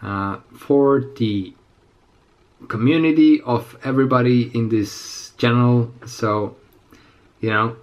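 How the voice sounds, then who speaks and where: In a small room with plain walls, a slightly ill man in his twenties talks to camera as a fitness vlogger, casual, unscripted, halting and rambling. His voice is mid-range and a little raspy, captured in a low-quality recording.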